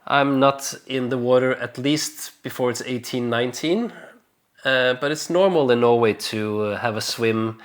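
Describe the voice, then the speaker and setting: A young man speaking in a relaxed, easygoing way. His voice sits at an ordinary middle pitch. He often pauses on fillers and starts sentences over, as in an unscripted chat for a vlog. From Denmark. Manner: relaxed, hesitant, with frequent fillers and restarts. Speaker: vlogger. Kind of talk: casual conversational vlog chat.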